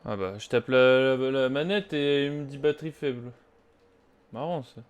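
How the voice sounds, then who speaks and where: A man's voice: medium pitch, moderate pace, clear, resonant tone. A young man giving casual, slangy, sweary, grumbling commentary while playing a video game. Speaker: gaming video host. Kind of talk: casual let's play commentary. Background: game music.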